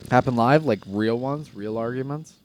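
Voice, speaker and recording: A man's voice: medium pitch, a little mellow. A man co-hosting a podcast in casual chat, blunt and profane as he tells fight stories. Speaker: podcast co-host.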